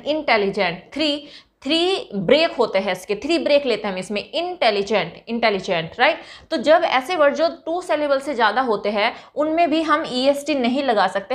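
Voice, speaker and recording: High-voiced woman teaching English grammar. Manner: patient, drawn-out model pronunciations. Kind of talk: explaining grammar to students.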